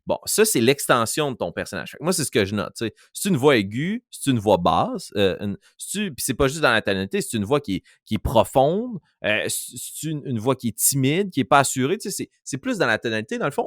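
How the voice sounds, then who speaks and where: A man's voice: medium pitch, sing-song, a little fast, few pauses, no echo, clean studio sound. A man with a Quebec French accent, a game master chatting on a podcast and demonstrating voices as he explains. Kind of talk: casual podcast chat.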